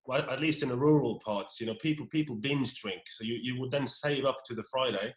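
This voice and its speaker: Norwegian-born man, 40s, mid voice, halting and repetitive, casual guest. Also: mid-range voice, muffled recording. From Norway. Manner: halting, many repeated words. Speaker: pub owner guest. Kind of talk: casual interview.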